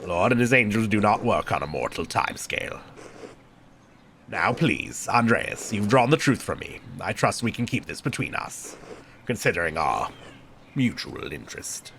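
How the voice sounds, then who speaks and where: A man putting on a hushed, haughty old prior. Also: fairly low pitch, big pitch swings, moderate pace, vocal fry, a little hiss or hum, pitched below the performer's own voice, full character voice. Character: stern aging male monk, a cold guarded prior.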